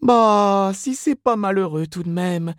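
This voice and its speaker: A man's voice: high voice, unhurried, dry recording, clean studio sound, pitched above the performer's own voice. A man voicing a chatty, sympathetic female shop clerk who gossips. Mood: gossipy.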